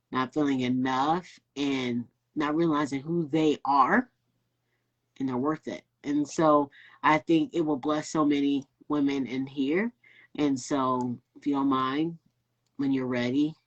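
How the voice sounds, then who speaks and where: A woman's voice: low voice, muffled recording. A woman hosting an interview, effusive and enthusiastic in how she reacts. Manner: effusive, enthusiastic, laughs often. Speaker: host. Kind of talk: casual interview chat.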